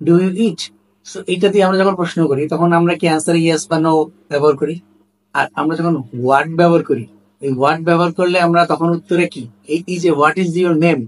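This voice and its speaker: Man, fairly high voice, emphatic teaching tone, repeats example questions. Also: steady tone, moderate pace, rough recording. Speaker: language teacher. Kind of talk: explanatory lesson to camera.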